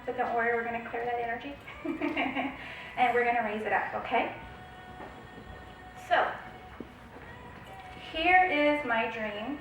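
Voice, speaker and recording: A woman casually reading out and telling a long dream to her viewers, often stopping to check in with a quick "okay?". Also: fairly high pitch, fairly bright tone, very echoey, distant mic, slight background noise, rough recording. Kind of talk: casual storytelling narration.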